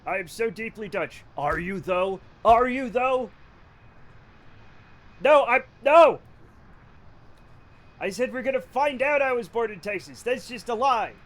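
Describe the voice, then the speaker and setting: Rhode island guy streaming games, high voice, rambly and jokey, swears a lot. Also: expressive, a bit bright. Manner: rambling, joking, cursing freely, quick to laugh. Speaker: livestreamer. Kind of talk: casual live-stream chat while gaming.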